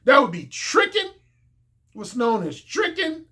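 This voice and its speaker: A man's voice: very high voice, huge pitch swings, measured pace, pushed and bright, slightly rough. A man giving a casual, opinionated video monologue as a dating coach, confident and blunt, repeating points for emphasis.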